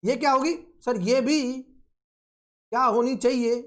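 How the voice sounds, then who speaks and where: A man's voice: extremely high pitch, a bit bright. A man teaching engineering in a recorded online lecture, drawing out and repeating key phrases and asking and answering his own questions. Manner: slow, drawn-out repetition of key phrases. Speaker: engineering tutor.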